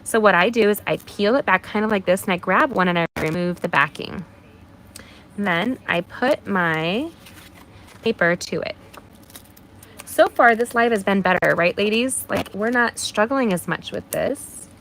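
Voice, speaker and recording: Speaking at a normal speed with lively intonation, this medium-pitched woman runs a chatty card-making livestream, greeting viewers by name and offering warm encouragement. Her voice is a bit nasal from mild allergies, and the rough recording carries a little hiss or hum.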